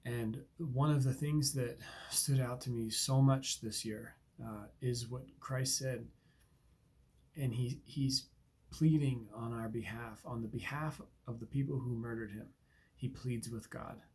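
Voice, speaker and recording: A man hosts a daily Bible reading podcast, mixing scripture with devotional commentary in an earnest, reflective way full of ums and uhs. His mid-range voice is a little mellow and slightly rough, a bit slow with fairly even intonation, and allergies keep him sniffling.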